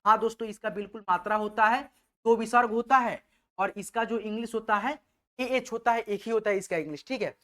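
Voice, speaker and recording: A man's voice: sits high, brisk, a bit bright. A man from or teaching a spelling lesson, patient and repetitive, asking his own questions and then answering them. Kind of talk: spelling lesson over a board.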